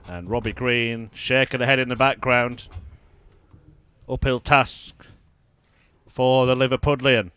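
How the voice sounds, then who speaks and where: Male darts commentator, measured and mid-pitched. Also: fairly even intonation, fairly bright tone, clear, resonant tone. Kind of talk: live sports commentary.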